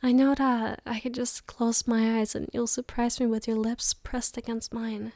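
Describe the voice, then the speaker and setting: A woman playing a loving, tired girlfriend on a late-night call, in a soft, intimate ASMR role-play. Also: fairly high pitch, level tone, normal speed, no room sound, studio quality, lightly acted. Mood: tender, loving.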